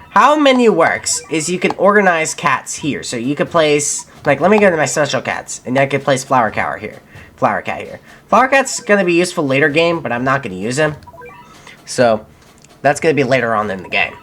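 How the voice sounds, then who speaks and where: A man's voice: a little high, sing-song, normal speed, fairly bright tone, a little hiss or hum. A young man giving casual gameplay commentary as a channel host, thinking aloud and correcting himself mid-sentence. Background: faint game music.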